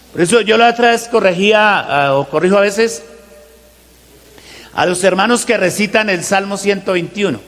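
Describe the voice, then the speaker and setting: High-voiced preacher in a reverberant hall. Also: male voice, fairly bright tone. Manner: asks the congregation rhetorical questions, slows to stress scripture. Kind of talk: sermon teaching.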